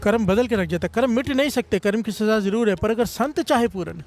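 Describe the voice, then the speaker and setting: A man's voice: high voice, a little fast, a little mellow, faint music behind. A man preaching a devotional sermon, fervently leading the congregation in call-and-response and sometimes slipping into sung phrases.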